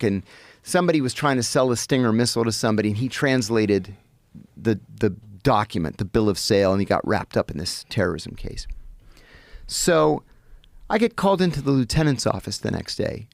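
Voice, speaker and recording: A middle-aged man telling stories as a podcast guest, animated and vivid, often restarting his sentences. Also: medium pitch, vocal fry, no room sound, clean studio sound. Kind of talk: anecdotal storytelling in conversation. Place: podcast studio.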